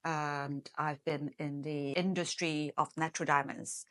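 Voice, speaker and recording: A middle-aged woman from Hong Kong, a marketing executive giving measured, explanatory interview answers. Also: sits low, steady tone, fairly bright tone. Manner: measured, explanatory, with some fillers.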